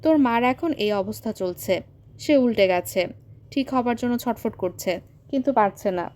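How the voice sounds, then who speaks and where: A woman voicing a stern young uncle who speaks gravely and earnestly in an audio story. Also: fairly high pitch, expressive, normal speed, a little mellow, natural voice. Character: stern young uncle, calm but firm man.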